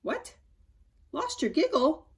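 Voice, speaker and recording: Woman doing a bright, eager little cheerful man. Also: a little high, sing-song, normal speed.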